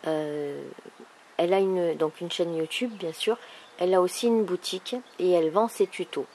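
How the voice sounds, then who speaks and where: A woman with a thick, swollen-tonsils sore-throat voice, speaking softly and casually as she presents a craft project. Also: on the low side, moderate pace. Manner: soft-spoken, holding back volume. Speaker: craft video maker presenting an album. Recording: clearly noisy background ambience.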